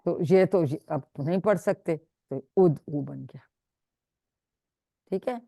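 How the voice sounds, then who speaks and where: A woman's voice: low voice, vocal fry, dark tone, no room sound, clean studio sound. A woman teaching an online Quran grammar class, patiently drilling students and praising them. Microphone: video call.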